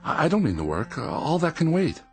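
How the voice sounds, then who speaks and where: A man's voice: a little high, huge pitch swings, brisk, darkish tone, faint music behind. A man acting in a radio drama as a haughty, fussy gourmet writer, wordy and emphatic, lonely and fearful underneath. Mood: pleading, awkward.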